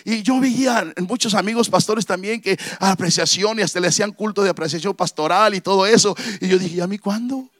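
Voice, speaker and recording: High-voiced fervent pastor preaching. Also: male voice, brisk, few pauses, dry recording. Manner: fervent preaching, repeated hallelujahs, shouted peaks. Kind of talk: sermon.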